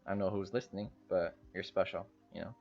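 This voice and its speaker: A man's voice: low-pitched, steady tone, fast, creaky, darkish tone. A young man from Bulgaria, co-hosting a casual podcast chat in a hesitant, rambling way full of fillers. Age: young adult. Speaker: podcast co-host. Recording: dull lo-fi sound.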